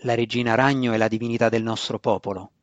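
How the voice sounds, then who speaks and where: A man voicing a cold, commanding dark elf priestess. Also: mid-range voice, normal speed, no echo, dull audio, natural voice. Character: stern proud woman, dark elf high priestess.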